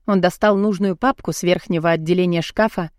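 A woman narrating a first-person audiobook, expressive and emotional. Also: lowish voice, a little fast, dry recording, clean studio sound.

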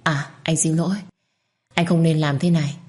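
A tender young boyfriend, read by a woman narrator in her own low voice. He speaks softly and attentively, like a caring partner in a spoken romance. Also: steady tone, normal speed, lightly acted. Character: young man, affectionate boyfriend.

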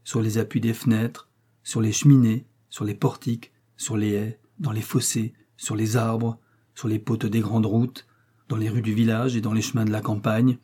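Male narrator, classic novel, steady and measured, husky tone. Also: lowish voice. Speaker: audiobook narrator.

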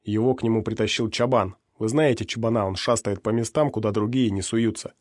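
A man voicing a furious scarred male mercenary, shouting defiantly at a crowd in an audiobook. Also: fairly low pitch, steady tone, brisk, no echo, studio quality, close to an everyday voice. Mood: intense.

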